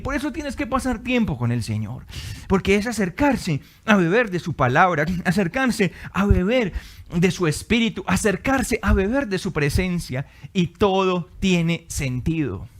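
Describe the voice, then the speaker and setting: Male preacher, high-pitched, emphatic sermon delivery with lots of rhetorical questions. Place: his office.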